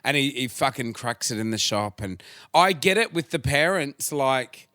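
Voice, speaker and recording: A man's voice: medium pitch, moderate pace, pushed and bright, no room sound, studio quality. A middle-aged man with an Australian accent, co-hosting a casual podcast chat in a laid-back, sweary way. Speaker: podcast co-host.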